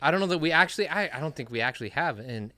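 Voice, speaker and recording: A man's voice: on the high side, animated, rapid-fire, bright, forceful tone, no echo. A man co-hosting a casual podcast, talking bluntly and with emphasis, swearing now and then. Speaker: podcast co-host.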